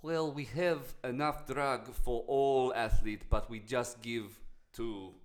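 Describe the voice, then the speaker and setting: A man's voice: mid-range voice, fairly even intonation, slow pace, close to an everyday voice. A man putting on a broken-English mock Russian accent as a doping official. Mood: scheming.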